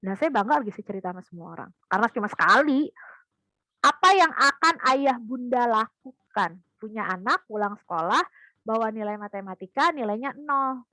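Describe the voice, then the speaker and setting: A woman's voice: fairly high pitch, brisk, no room sound, low-quality recording. A woman giving a parenting talk in an online seminar, telling stories with energy and speaking straight to the parents. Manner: lively storytelling, addressing parents directly.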